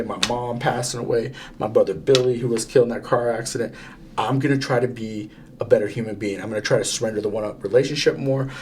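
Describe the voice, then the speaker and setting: A man's voice: mid-range voice, a little mellow, slight background noise. A man of fifty, co-hosting a podcast, talking earnestly in long stories with many restarts. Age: 50s. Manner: earnest, repetitive restarts, storytelling. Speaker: podcast co-host. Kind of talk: casual podcast conversation.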